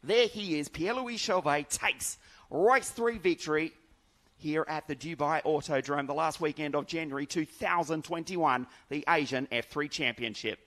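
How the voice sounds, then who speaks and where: Enthusiastic male lead commentator, live race call, slightly raised pitch. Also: normal speed, a bit bright. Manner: enthusiastic, chatty, laughs easily.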